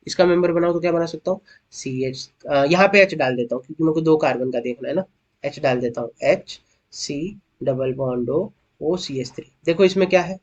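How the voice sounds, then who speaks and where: A young man teaching chemistry in an online lecture, coaxing his students with questions and slowing down to spell out each formula. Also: fairly high pitch, a little mellow, dull audio. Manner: coaxing students with questions, calls them beta. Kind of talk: online lecture, explaining at a board.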